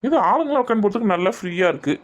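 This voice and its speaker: A woman's voice: mid-range voice, lively intonation, rapid-fire. A woman playing a family member in a village skit, grumbling impatiently at the others.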